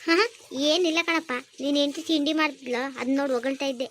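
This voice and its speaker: Cartoon: high-voiced, domineering mother-in-law, voiced by a woman, sharp and taunting. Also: a little fast. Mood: sly. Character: domineering scolding middle-aged mother-in-law. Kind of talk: cartoon voice acting.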